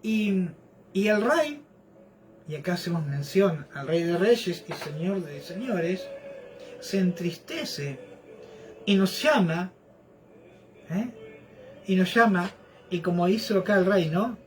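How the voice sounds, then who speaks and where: A man preaching a sermon, in a slow, halting delivery full of asides to the listeners. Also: high-pitched, expressive, slight background noise.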